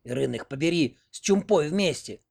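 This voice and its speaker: A man's voice: on the high side, lively intonation, moderate pace, gravelly, darkish tone, husky, heavily acted. A man voicing a crafty old village grandmother who schemes and grumbles. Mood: fierce. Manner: grumbling, sly, bossy.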